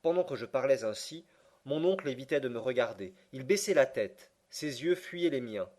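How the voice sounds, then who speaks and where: A man narrating an audiobook in a measured, even way. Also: medium pitch. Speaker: audiobook reader. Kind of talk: scripted narration.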